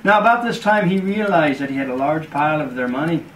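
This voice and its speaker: A man with a slightly higher voice spins a slow, deliberate story as he does a card trick. He is a bit distant from the mic. A faint hiss of background noise sits behind him. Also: expressive, fairly bright tone. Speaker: magician.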